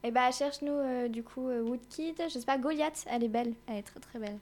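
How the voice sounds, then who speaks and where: A woman with a fairly high voice runs a casual radio music chat. She talks loosely and laughs often. Her speech is full of little hesitations. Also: fast talker, darkish tone. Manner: chatty, laughs often, many fillers. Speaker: radio show host.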